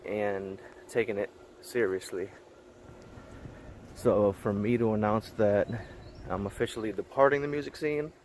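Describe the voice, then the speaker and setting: A man in his thirties talking casually for his vlog while walking, a bit out of breath, rambling with small laughs. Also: fairly low pitch. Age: 30s. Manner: rambling, chatty, laughs between thoughts. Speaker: vlogger. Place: outdoors on a busy street, walking. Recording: outdoor recording with loud traffic and wind noise.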